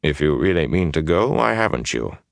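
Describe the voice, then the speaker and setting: Man doing older gleeman, wary, guarded, very deep, dry close sound. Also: sing-song, a little fast, vocal fry, dry recording, full character voice.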